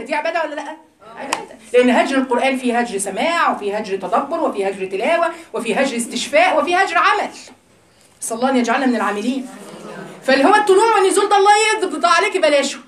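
A woman with an Egyptian Arabic accent giving a religious lesson to a group of women, talking in a lively, teasing, conversational way. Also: sits high, roomy sound. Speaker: religious teacher.

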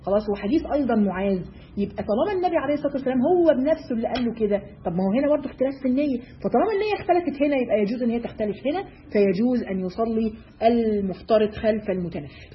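A woman with an Egyptian accent teaches a religious lesson to a group of women. She talks at a rapid clip and keeps asking rhetorical questions. The recording is dull and lo-fi, with faint noise behind her. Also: on the high side, expressive. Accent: Egyptian Arabic. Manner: brisk, asks her listeners rhetorical questions.

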